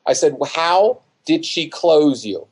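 A dating coach in his fifties, appearing as an interview guest over a video call from his living room, gives casual, colloquial advice, emphatic and repetitive, acting out quoted remarks. Picked up by a computer mic, his fairly high voice is animated, unhurried and a little mellow.

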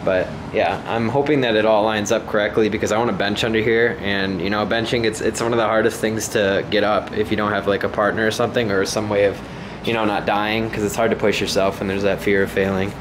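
Speaking fairly quickly in a lowish voice with little pitch movement, a man narrates an unscripted vlog in his concrete basement home gym. He comes across informal and unsure, thinking aloud, recorded on a self-operated handheld camera mic with background noise.

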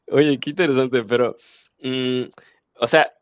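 A male interview host with a low-pitched, medium voice that is recorded dry and close. He laughs often and keeps the guest going with short backchannels and friendly questions. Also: slow pace, no echo. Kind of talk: casual interview chat.

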